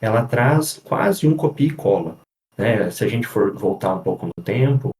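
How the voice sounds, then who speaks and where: A man with a low, mellow voice talks as a psychologist guest in a relaxed podcast chat. He explains at length, stopping on fillers and restarting his phrases. The room around him rings with echo. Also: moderate pace. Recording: echoey room.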